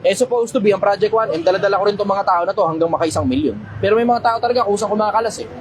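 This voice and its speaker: Fast, high-voiced blunt man. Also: noisy background. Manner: blunt, swears casually, loud when making a point. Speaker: livestream host answering questions. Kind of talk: casual livestream Q&A.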